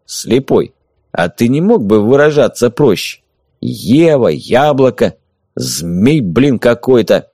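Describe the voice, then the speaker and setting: Guy reading a rough blunt stalker, gruff slang, dry close audiobook sound. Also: mid-range voice, big pitch swings, slow pace, dark tone, dry recording, full character voice. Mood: indignant. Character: blunt hot-headed male stalker, rough and easily offended. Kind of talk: audiobook character voice.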